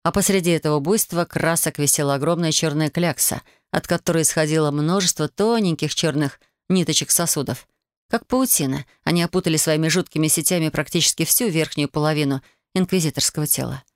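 Мужчина размеренно и ровно читает фэнтезийную аудиокнигу от первого лица. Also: male voice, on the high side, fairly quick, clean tone, dry recording, studio quality. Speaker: audiobook reader. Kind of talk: fantasy audiobook narration in first person.

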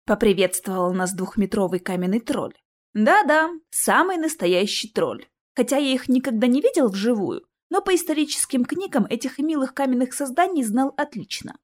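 A woman reading a fantasy audiobook aloud in an expressive, animated storytelling manner. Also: fairly high pitch, moderate pace. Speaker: audiobook narrator.

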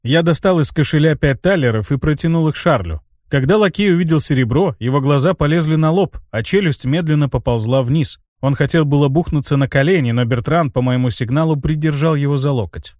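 A man narrating a first-person fantasy audiobook in a measured, wry storytelling manner. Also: on the high side, a little mellow, no room sound, studio quality.

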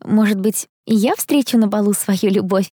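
A woman's voice: medium pitch, moderate pace, mellow, husky, no room sound, clean studio sound, close to an everyday voice. A woman voicing a chatty, spoiled, dreamy young female student in an audiobook. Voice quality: bubbly, talkative. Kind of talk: audiobook character voice.

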